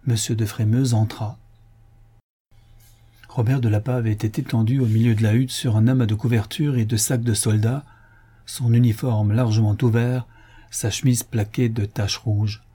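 A man narrating a classic novel in a measured literary reading. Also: medium pitch, fairly even intonation, mellow, husky. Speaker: audiobook narrator. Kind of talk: scripted narration.

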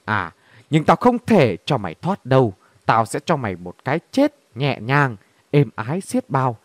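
A man's voice: medium pitch, normal speed, dry recording. A man voicing an undead creature posing as a man, cold and resentful, speaking through clenched teeth. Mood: menacing. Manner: flat, hissing through teeth.

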